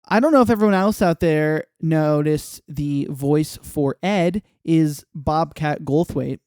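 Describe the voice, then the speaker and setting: A man co-hosting a casual podcast, talking in an animated, joking, emphatic way on a close mic. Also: on the high side, slow pace, smooth, no room sound. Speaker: podcast co-host.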